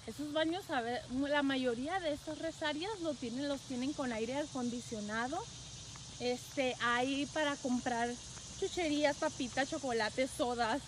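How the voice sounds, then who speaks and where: A woman's voice: high-pitched, a little slow, a little hiss or hum, poor audio. A woman truck driver, chatting casually with viewers on a live stream from a phone outdoors at a rest area, greeting them by name and laughing often. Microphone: phone held at arm's length.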